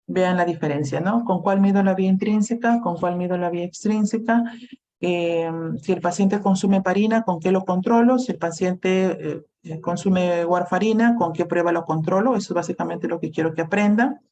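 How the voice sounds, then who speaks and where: Over a video call, a university clinical lab lecturer teaches her class, explaining plainly and steadily and checking in with "¿no?", "¿sí?" and the filler "este". Her voice is lowish and warm at a moderate pace, though the recording is muffled.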